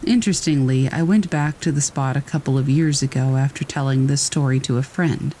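A man reading first-person scary stories aloud in a steady, measured storytelling voice. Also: medium pitch, a little hiss or hum, low-quality recording. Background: rain.

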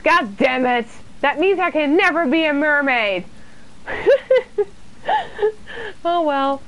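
In a small indoor room, a young British woman streams a horror game and chats casually with her viewers, reading their comments aloud and answering them. She's chatty and self-deprecating, with a high-pitched voice, and the audio quality is poor.

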